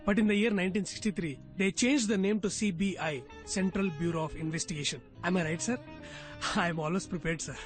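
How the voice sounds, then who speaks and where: A man's voice: sits high, faint music behind. An actor playing a talkative job candidate who answers questions glibly and pleads his case, in dubbed film dialogue. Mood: earnest. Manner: glib, fast-talking, pleading. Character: cocky talkative young male job applicant.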